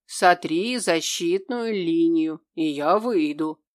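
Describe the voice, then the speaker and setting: A woman voicing a smug, grumbling male demon in an audiobook, speaking slowly and drawing out her words. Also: lowish voice. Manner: slow, drawn-out and smug, at times breathy and soft.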